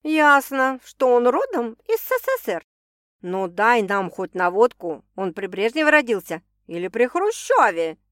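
A woman's voice: fairly high pitch, very animated, a little slow, few pauses, a bit bright, dry recording. A woman voicing a playful, eager young woman teasing a friend for gossip, in a dry recording.

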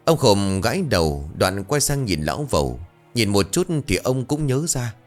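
A man narrating a village folk tale in a lively, colloquial storytelling manner. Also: lowish voice, normal speed, faint music behind.

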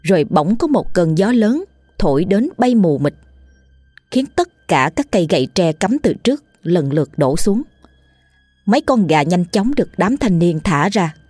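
A woman narrating a ghost story in a steady, suspenseful scripted style. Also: on the low side, moderate pace, slightly rough, no room sound, soft background music.

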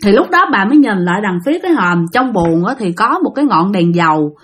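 A woman's voice: medium pitch, very animated, fairly quick, a bit bright, husky. A woman with a Southern Vietnamese accent telling a ghost story in a chatty way, speaking straight to her listeners. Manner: chatty, addresses listeners directly.

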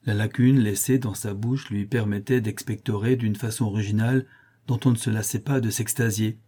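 A man reading a classic novel aloud as an audiobook narrator, in a measured storytelling manner. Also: on the low side, steady tone, mellow, husky. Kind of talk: scripted narration.

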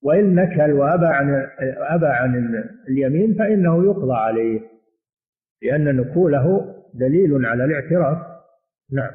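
A man teaching a religious lesson and answering questions, speaking in a measured way and often repeating his phrases. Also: fairly high pitch, lively intonation. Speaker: sheikh teaching hadith commentary. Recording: echoey room over a tinny phone-like line.

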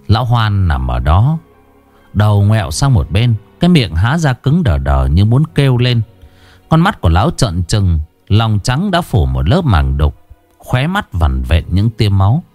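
A man's voice: lowish voice, huge pitch swings, unhurried, a little mellow, no echo, faint music behind. A man telling a horror story in dramatic, suspenseful scripted narration.

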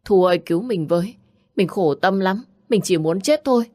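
A woman's voice: low-pitched, fairly even intonation, fast, a little mellow. A woman reading the part of a frightened young woman who speaks in a pleading, distraught way in an audiobook.

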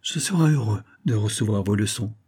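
Man doing a brisk young little baron. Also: lowish voice, expressive, darkish tone, slightly rough, no echo, clean studio sound. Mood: deferential. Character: small young male baron, cheerful and deferential.

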